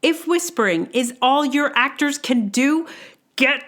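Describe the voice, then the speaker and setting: A woman from theater giving wry, amused commentary in a casual vlog, with an expressive delivery. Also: sits high, unhurried.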